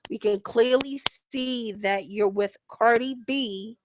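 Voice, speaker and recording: A woman runs her own broadcast, recapping a reality show in blunt, slang-heavy rants. She speaks a little higher than most women and often lectures her listeners directly. A steady hiss sits under her voice. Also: slow pace. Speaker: host reviewing a reality show. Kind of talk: casual ranting commentary. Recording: hissy home recording.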